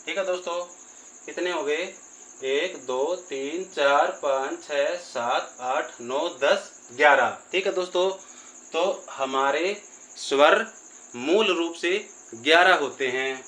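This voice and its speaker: A man teaching grammar at a slow, unhurried pace, his voice bright and a little high for a man. He repeats each sound patiently and stretches the long vowels out, talking to his listeners as friends. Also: low-quality recording. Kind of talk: Hindi grammar lesson.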